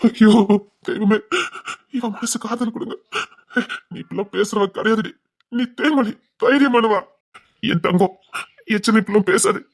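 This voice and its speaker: A woman's voice: on the high side, moderate pace. An actress playing a devoted woman who soothes and pleads with a grieving friend, with a Tirunelveli Tamil accent and frequent repeated reassurances. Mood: pleading, soothing. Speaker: close companion consoling a grieving woman. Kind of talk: emotional web drama acting.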